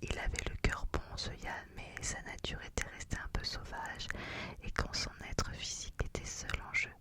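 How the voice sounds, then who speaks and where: A hushed reader softly whispering a literary novel for ASMR, entirely unvoiced, as quiet as in a library. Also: moderate pace.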